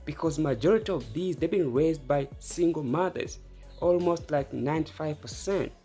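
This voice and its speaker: A man's voice: a little high, moderate pace, dark tone. An opinionated man talks straight to the viewer in a loose, casual way and reacts to clips. Music plays faintly behind him. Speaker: commentary channel host. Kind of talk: reaction commentary.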